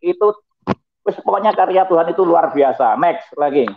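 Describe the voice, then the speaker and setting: Lively preacher, tinny audio. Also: male voice, fairly high pitch, moderate pace, gravelly, a little hiss or hum. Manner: lively, preachy, chuckling asides. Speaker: pastor giving testimony. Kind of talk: testimony talk over slides.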